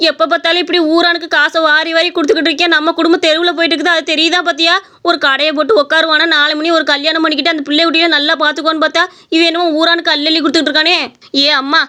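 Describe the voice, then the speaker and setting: A woman's voice: sits high, flat delivery, very fast, sharp tone. Woman voicing a nagging cartoon mother. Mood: scolding. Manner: nagging, exasperated scolding. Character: scolding middle-aged mother, worried about money. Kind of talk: animated story voice acting.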